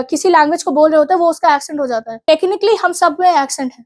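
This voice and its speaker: High-voiced woman teaching exam revision. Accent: Indian English. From India. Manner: mixes Hindi and English, explains step by step.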